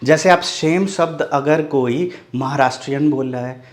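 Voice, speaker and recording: A man from the Mithila region of India, a Hindi teacher giving an online video lesson. He explains step by step, repeats example words slowly and often checks whether his listeners follow. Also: on the high side.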